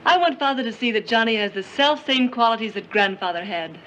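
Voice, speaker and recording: Hissy old film comedy. Actress for well-bred young bride-to-be, bright, crisp in manner, bossy. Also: female voice, a little high, brisk, lightly acted. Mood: earnest. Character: proper, brisk, bossy young bride-to-be from wealthy family. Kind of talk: 1930s film comedy acting. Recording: muffled, hissy 1930s film soundtrack.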